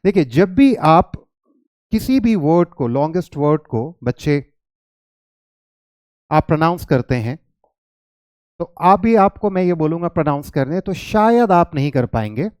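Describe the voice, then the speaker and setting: A man with an Indian accent teaching English pronunciation to children, switching between English and Hindi and sounding out long words slowly. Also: a little high, sing-song, darkish tone, dry recording. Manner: mixes English and Hindi, addresses viewers as children. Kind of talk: classroom-style lesson to children.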